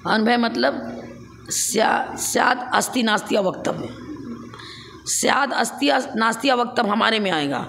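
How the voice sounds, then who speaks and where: A woman gives a scripture lecture in a fairly high, gravelly voice. She works through the text point by point and puts questions back to her listeners. A faint murmur of ambience sits behind her. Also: lively intonation, measured pace, fairly bright tone, slight background noise. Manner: explains step by step, with rhetorical questions. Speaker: scripture teacher.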